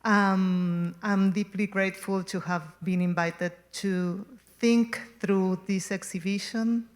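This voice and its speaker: A woman's voice: mid-range voice, fairly even intonation, slow pace. A woman in her forties from Argentina giving a gallery talk as the guest artist, hesitant, with many ums and restarts. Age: 40s. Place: museum gallery.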